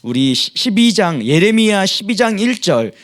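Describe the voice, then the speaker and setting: Animated, high-pitched male preacher. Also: normal speed. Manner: emphatic, leads the congregation in reading aloud. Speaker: pastor. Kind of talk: sermon at a prayer meeting.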